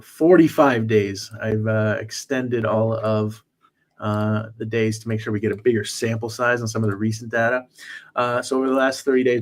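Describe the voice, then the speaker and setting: Upbeat man hosting a stream. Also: medium pitch. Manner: upbeat, runs through stats with fillers. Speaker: stream host. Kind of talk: casual sports betting chat.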